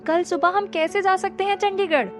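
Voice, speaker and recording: A woman's voice: very high voice, moderate pace, pitched above the performer's own voice. A woman voicing a teasing young man. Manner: lively, joking, exasperated. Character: playful young male teacher, teasing son. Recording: music playing under the voice.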